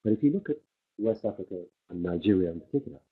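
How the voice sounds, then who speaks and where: Working live from an interpreter booth, a husky, deep-voiced man renders a conference talk, stumbling through fillers and restarts while staying in step with the speaker, and his delivery is expressive. Thin, phone-like livestream audio makes the sound narrow and tinny.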